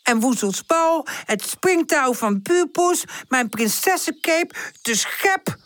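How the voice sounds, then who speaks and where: Female narrator as little girl puppy, high and sweet, storybook. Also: animated, takes it slowly, fairly bright tone, dry recording, studio quality, exaggerated voice. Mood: earnest. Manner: high childlike voice. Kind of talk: storybook character voice.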